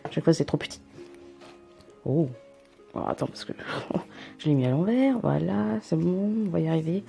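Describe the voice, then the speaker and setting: Low gravelly-voiced woman chatting through an unboxing. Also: animated, moderate pace, dark tone, soft background music. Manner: chatty, rambling, self-mocking asides. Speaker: vlogger unboxing a subscription box. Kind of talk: casual unboxing chat.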